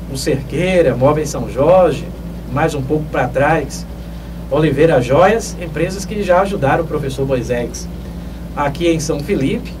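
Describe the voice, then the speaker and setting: An older man, hosting a radio advice show in a measured, lecturing manner with emphatic rises. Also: on the high side. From Northeast Brazil. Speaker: radio host answering listener questions. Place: small dark radio studio. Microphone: studio mic on boom, heard from a distance. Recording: distant mic with clear background noise.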